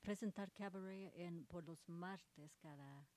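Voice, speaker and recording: A woman's voice: fairly low pitch, slow pace, darkish tone. A woman hosting a community radio interview, asking questions and laughing between them. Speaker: radio host.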